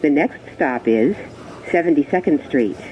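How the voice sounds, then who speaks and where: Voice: lively intonation, normal speed, muffled recording. An automated subway announcer voice made of spliced-together recorded words, stiff and evenly paced. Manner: stiff, evenly paced, pieced-together phrases with sudden pitch jumps between words. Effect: spliced-together recorded words over a train loudspeaker. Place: inside a moving subway car. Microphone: train loudspeaker picked up from across the car. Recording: echoey loudspeaker heard from far off with loud train noise.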